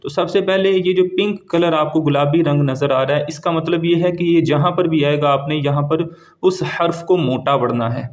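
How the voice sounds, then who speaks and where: A man teaches a step-by-step tajweed lesson in a voice a little higher than most men's. He explains each rule plainly, then recites the words slowly and stretches them out, repeating them so a learner can follow.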